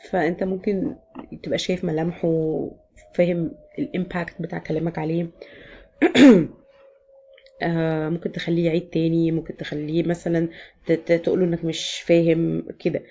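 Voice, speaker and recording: A woman's voice: lowish voice, gravelly, dark tone, slightly rough, dull audio. A woman with an Egyptian Arabic accent, casually explaining exam sections in a chatty vlog lesson, often switching into English. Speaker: exam prep teacher.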